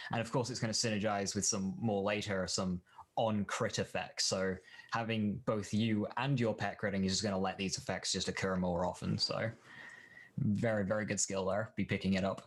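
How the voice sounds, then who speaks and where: Lower male voice, steady explainer, thinks as he talks. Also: moderate pace. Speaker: guest expert. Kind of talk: game reveal discussion.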